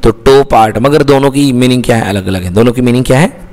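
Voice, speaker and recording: A male teacher giving a lesson in Hindi mixed with English, who asks his own questions and then answers them. His voice sits at a middle pitch. A long reverb hangs behind his voice. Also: fast, darkish tone. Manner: asks questions and answers them himself, calls listeners beta.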